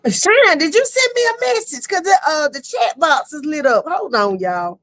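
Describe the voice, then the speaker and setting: A middle-aged woman hosting a casual online talk show, lively and laughing, with easy "y'all" talk. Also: high voice, normal speed. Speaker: host. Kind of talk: casual chat. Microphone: streaming setup.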